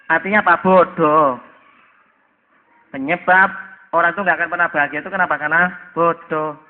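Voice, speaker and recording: High-voiced Javanese man preaching, lo-fi. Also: fairly even intonation, fast talker. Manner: joking, acts out dialogues. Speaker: Islamic preacher. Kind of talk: casual sermon. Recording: tinny phone-like lo-fi audio.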